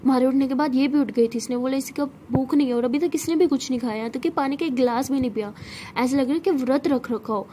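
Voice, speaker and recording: A fussing aunt figure in a spoken story, scolding and exasperated, played by a woman narrator. Her voice sits high and warm. A faint hiss runs underneath. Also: fast, natural voice.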